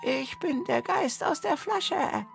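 A man voicing an impatient male genie from a vase in a children's radio story, speaking in a curt, brisk, exasperated way. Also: very high voice, expressive, creaky, a bit bright, faint music behind, pitched above the performer's own voice, heavily acted. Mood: matter-of-fact.

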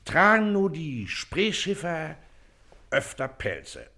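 A pompous, lecturing official. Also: male voice, fairly high pitch, very animated, slow pace, pushed and bright, a little hiss or hum, heavily acted. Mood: condescending. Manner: condescending, lecturing. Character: pompous, impatient male district official. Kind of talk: radio play acting.

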